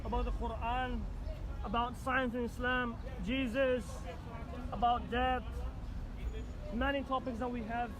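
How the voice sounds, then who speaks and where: A man's voice: extremely high pitch, flat delivery, a little slow, pauses often. A man presenting a street outreach vlog to viewers, sprinkling his repetitive talk with Arabic religious phrases, outdoors on a busy street. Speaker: street dawah volunteer presenting. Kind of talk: vlog walk-through, addressing viewers. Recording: noisy busy street, traffic.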